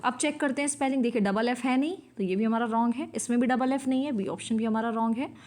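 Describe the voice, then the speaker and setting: In a fast, fairly high but darkish voice, a woman teacher runs a Hindi spelling lesson sprinkled with English terms. She goes letter by letter, repeating words and key terms while checking for understanding.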